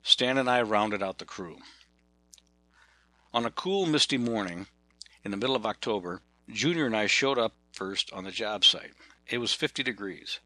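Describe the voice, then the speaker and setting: A man's voice: fairly low pitch, animated, moderate pace, bright, forceful tone, no echo. A man narrating a personal story in a dry, wry manner. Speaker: memoir narrator.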